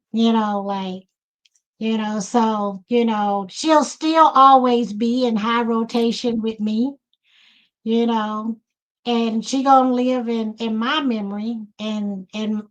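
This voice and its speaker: A woman hosting a podcast interview in a loose, casual way, leaning on "you know" fillers, speaking over a video call. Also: on the high side. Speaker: podcast host.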